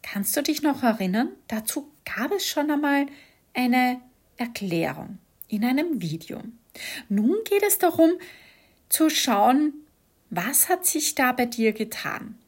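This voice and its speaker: A woman giving a gentle, encouraging lesson, often asking her listener questions. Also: sits high, very animated, slow pace. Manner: warm, encouraging, asks many rhetorical questions. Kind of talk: gentle instructive talk to one listener.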